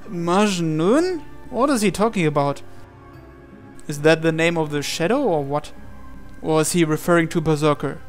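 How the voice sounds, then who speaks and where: Soft music plays as a man reads a visual novel for a let's-play, voicing dramatic first-person narration. His fairly high voice moves at a moderate pace with an earnest, intense, theatrical delivery.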